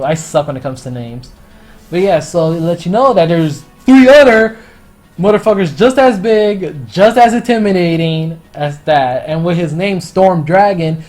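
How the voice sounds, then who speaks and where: A man chatting through a review with a rambling, excitable delivery full of profanity. His voice sits a little high for a man, and faint music plays underneath. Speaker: anime and manga reviewer. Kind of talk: casual review chat.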